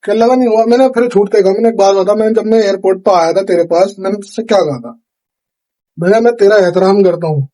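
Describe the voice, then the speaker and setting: High-voiced man telling a story. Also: quick pace. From India. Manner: chatty, animated retelling with quoted dialogue. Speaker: vlogger. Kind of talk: casual storytelling vlog. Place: home kitchen at night.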